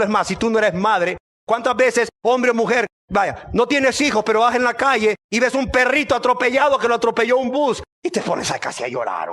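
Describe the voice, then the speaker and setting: A man preaching a sermon dramatically, asking rhetorical questions and swinging from soft to shouting. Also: sits high.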